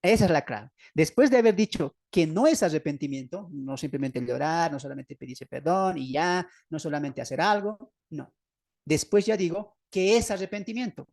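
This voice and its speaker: A man's voice: a little high, normal speed, vocal fry, a little mellow, no echo, clean studio sound. A man with a Bolivian Spanish accent teaches an online Bible study lesson over a video call. He asks his listeners questions, answers them himself, and repeats key phrases for emphasis.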